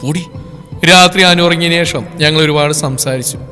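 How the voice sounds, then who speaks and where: A man, telling a story in a plain, steady way. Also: a little high, fast. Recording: echoey room with faint music.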